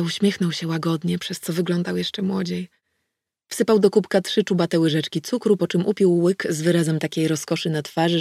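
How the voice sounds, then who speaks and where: Gravelly, husky woman narrating a novel. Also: lowish voice, a little mellow, no echo, studio quality. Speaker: audiobook narrator. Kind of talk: first-person novel narration.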